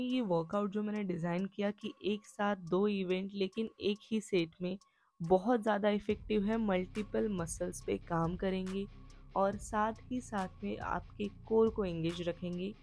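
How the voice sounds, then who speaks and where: In a mid-range, slightly mellow voice, a female fitness vlogger narrates an instructional voice-over, walking viewers through exercises and reminding them about posture and rest.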